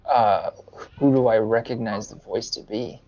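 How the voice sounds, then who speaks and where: A man's voice: fairly low pitch, a little slow, gravelly, mellow, dry recording, muffled recording. A man playing in a tabletop game, giving hesitant, short replies to the game master. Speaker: player. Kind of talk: casual tabletop game play.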